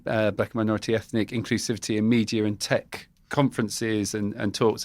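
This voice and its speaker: A man hosting a podcast interview, measured and encouraging, often affirming his guest. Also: medium pitch, dry recording. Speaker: podcast host. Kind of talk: interview conversation.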